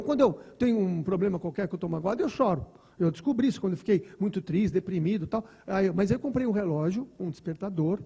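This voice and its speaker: Man giving a relaxed storytelling talk. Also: very high voice, husky. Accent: Brazilian Portuguese. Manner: storytelling, conversational with asides and repeated words. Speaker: doctor. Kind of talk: spiritist lecture.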